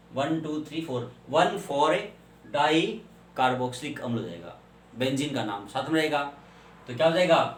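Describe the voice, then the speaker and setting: Recorded off-mic in an echoing room, a male chemistry teacher gives a lecture in which he raises questions, answers them on his own and spells out names. He has a fairly high, fairly bright voice set well back from the microphone.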